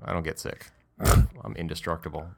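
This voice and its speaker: A man co-hosting a podcast, bantering playfully and sometimes slipping into a slow, ominous joke voice. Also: rumbling low, flat delivery, gravelly, a bit bright. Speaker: podcast co-host.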